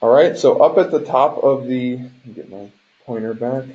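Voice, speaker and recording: A male game design instructor delivers a lecture over a shared screen in a mellow, mid-pitched voice at a moderate pace. He explains things carefully and keeps checking in with "right?" The conference call microphone gives the audio a muffled, dull, lo-fi quality.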